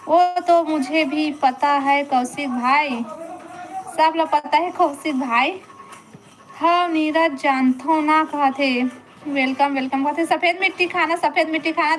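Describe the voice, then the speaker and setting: Slow, high-voiced woman chatting on a live stream. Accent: Chhattisgarhi. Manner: chatty, greets viewers by name and begs them to stay. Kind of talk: casual live-stream chat reading comments.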